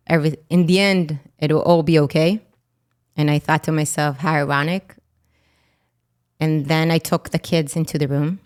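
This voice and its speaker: Low, smooth-voiced Israeli woman telling her story. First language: Hebrew. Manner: vivid retelling, acting out quoted dialogue. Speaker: podcast guest. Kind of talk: personal storytelling in an interview.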